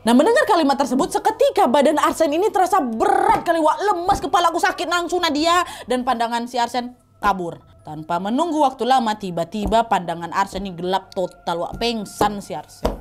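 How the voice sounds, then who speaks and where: A woman, chatty and expressive as she narrates a horror story and talks straight to her listeners. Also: fairly high pitch, fairly quick, a little hiss or hum.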